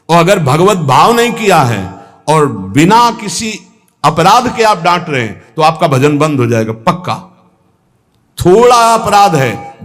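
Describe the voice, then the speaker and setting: A man giving a devotional discourse as a spiritual teacher, slow and measured, drawing out and half-singing the verses he quotes. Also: fairly high pitch, big-room sound.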